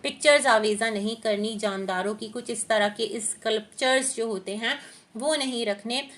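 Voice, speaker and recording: A reaction vlogger with a somewhat high voice and a sore throat explains her opinions steadily at a moderate pace. Her speech is dotted with small hesitations as she hunts for the right words.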